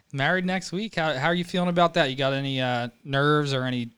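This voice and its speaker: A man's voice: fairly high pitch, steady tone, fairly quick, fairly bright tone, clean tone, no room sound. A young man co-hosting a podcast in casual chat, teasing his friend and telling stories playfully. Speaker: podcast co-host.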